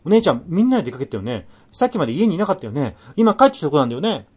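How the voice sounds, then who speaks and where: A man voicing an anxious young woman checking on her older sister in a higher, fretful voice. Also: sing-song, very fast, breathy edge. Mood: worried.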